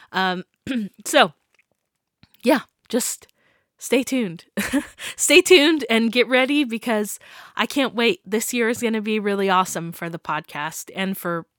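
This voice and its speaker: A young woman hosts her own solo podcast, chatting casually while stuffy from a sinus infection, with lots of giggles and ums. Her voice sits on the high side and sounds a bit bright. The recording is dry and clean, with studio-quality sound.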